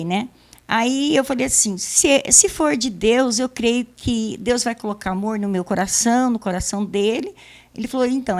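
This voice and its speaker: Lively woman telling her testimony. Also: on the high side. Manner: lively storyteller, acts out dialogue, laughs. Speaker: church member giving testimony. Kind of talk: testimony, casual storytelling.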